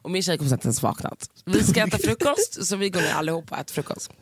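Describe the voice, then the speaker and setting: A man co-hosting a podcast, telling a story in animated, swear-filled casual chat and acting out what people said. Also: sits high, slightly rough, no echo. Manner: animated, swears a lot, acts out quotes. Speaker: podcast co-host.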